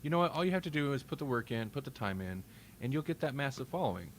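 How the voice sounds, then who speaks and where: Very animated and talking fast at medium pitch, this man hosts a casual live-streamed podcast, rambling wryly and cutting himself off often. There's a little hiss or hum.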